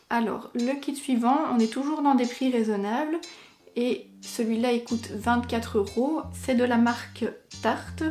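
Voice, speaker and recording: A woman's voice: on the high side, a little mellow. A young woman, chatting casually as a beauty vlogger and filling her talk with little fillers. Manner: chatty, many fillers like "donc" and "ben". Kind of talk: casual chat.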